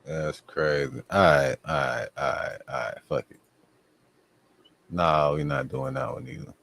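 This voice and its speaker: A man's voice: extremely low pitch, unhurried, creaky, fairly bright tone. A man hosting a casual streamed chat, joking in loose, profane banter. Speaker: host.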